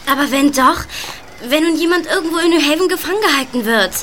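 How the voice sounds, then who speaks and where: A woman's voice: high voice, fast, fairly bright tone. An actress in a German audio drama playing an eager, polite and spirited girl adventurer. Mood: earnest.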